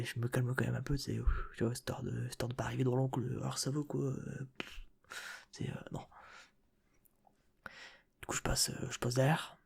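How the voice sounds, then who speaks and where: Husky whispering young man, slangy. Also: medium pitch. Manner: slangy, rambling, full of fillers; soft whispering close to the mic. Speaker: ASMR creator. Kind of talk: whispered ASMR storytelling.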